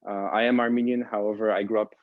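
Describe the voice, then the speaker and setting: A man who grew up in the Boston area, a pastry chef casually explaining recipes to an online audience, relaxed with many fillers. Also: fairly low pitch, fast, no echo, phone-quality sound. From Boston area, United States.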